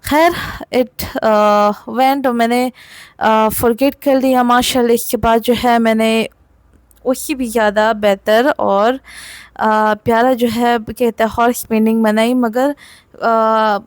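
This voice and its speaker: A young woman, an artist, casually rambling through a personal storytime, switching back and forth between two languages with fast bursts and slow pauses. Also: on the high side, steady tone, no room sound. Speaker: artist and channel host.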